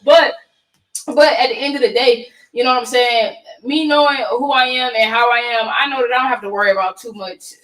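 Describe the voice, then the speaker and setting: A woman with a fairly high voice hosts a loose talk radio show, spinning stories full of cursing and slang. She sits a little back from the mic, so she sounds slightly distant. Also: a little fast. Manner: profane, animated storytelling with slang. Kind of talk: casual talk radio chat. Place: radio studio.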